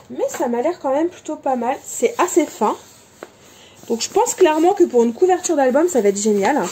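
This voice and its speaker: A female crafting vlogger with a high-pitched but dark-toned voice chats through a relaxed show-and-tell of her supplies, full of fillers and self-corrections. Slight background noise can be heard.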